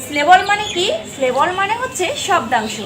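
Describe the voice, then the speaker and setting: A woman's voice: high voice, very animated, fairly quick, over music. A woman teaching an online grammar lesson, methodically defining each term and then giving examples. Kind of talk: structured lesson explanation.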